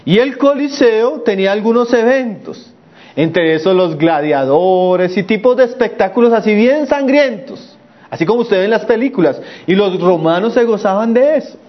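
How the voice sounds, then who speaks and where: A man preaching a sermon, emphatic, dropping his voice low for stress and slowing down to read scripture. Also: expressive. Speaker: pastor. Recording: muffled lo-fi recording.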